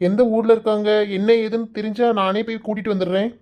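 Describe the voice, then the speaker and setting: A woman's voice: mid-range voice, flat delivery, fast talker, lo-fi sound, lightly acted. A woman voicing a young male office boss in a cartoon, kind, coaxing and reassuring. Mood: consoling. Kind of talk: cartoon voice acting.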